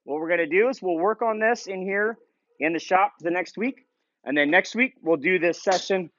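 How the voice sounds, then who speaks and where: A man giving a dog training lesson in a shop, calmly explaining between short commands to the dog. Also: high-pitched, moderate pace, no echo, muffled recording. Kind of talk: instructional training video. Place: indoor shop.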